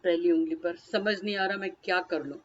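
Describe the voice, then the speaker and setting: A woman's voice: on the low side, fairly even intonation, brisk, lo-fi sound. A woman leading a guided tapping session, naming each body point and then speaking a short first-person phrase for the listener to repeat.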